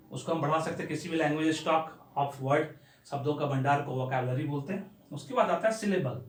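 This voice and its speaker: A man from India, an English teacher, gives a spoken lesson and spells words out letter by letter. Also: on the high side. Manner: explains at a steady pace, spells words out letter by letter. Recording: echoey room.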